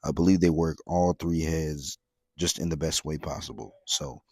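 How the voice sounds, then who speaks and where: A man's voice: a bass voice, fairly even intonation, normal speed, darkish tone, no echo, studio quality. A man giving casual workout commentary as a voice-over, in a laid-back, slangy gym-bro manner. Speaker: fitness vlogger.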